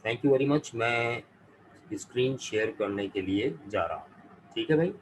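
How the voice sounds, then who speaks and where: Guy teaching vocab online, says each word slow a few times, little bit of room noise. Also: fairly low pitch, low-quality recording. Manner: slow, careful pronunciation drills, repeating words. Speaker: English teacher. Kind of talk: live online vocabulary class.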